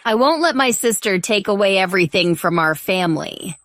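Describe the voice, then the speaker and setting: A woman's voice: mid-range voice, lively intonation, fairly quick, a bit bright, no echo, natural voice. A woman dubbing an arrogant, spoiled young heiress who talks down to everyone, recorded dry in a studio. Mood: scheming. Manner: sneering, haughty. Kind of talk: English drama dub.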